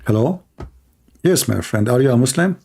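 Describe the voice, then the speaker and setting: A man's voice: mid-range voice, lively intonation, moderate pace, creaky, warm tone, a little hiss or hum. A man hosting a live debate call-in show, mocking and combative, talking over his caller and pressing the same questions again and again.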